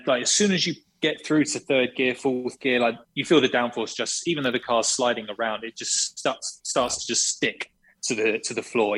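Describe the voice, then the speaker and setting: A man's voice: on the low side, a bit bright, breathy edge, low-quality recording. A man, a racing driver, talking enthusiastically in a remote interview, smiling as he speaks. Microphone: remote call, audio only.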